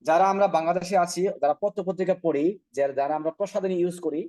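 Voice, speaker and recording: A man from Bangladesh, speaking, presents slides in an online training call. He talks at a brisk clip in a low, mellow voice, and the sound is dry and close. He keeps posing rhetorical questions and checking that his listeners are following. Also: no echo. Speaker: product trainer.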